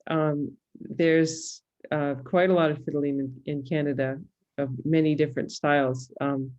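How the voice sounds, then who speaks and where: A musicologist and fiddler from California, with a Californian American accent, talks casually as an interview guest, thinking aloud with some hesitation. Her low, slightly mellow voice is fairly even and unhurried, and the recording is muffled.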